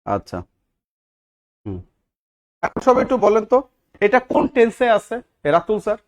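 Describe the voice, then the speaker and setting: A man's voice: high voice, huge pitch swings, normal speed. A man teaching English grammar in a live online class, often asking his students questions and repeating key words. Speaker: English teacher for job exams.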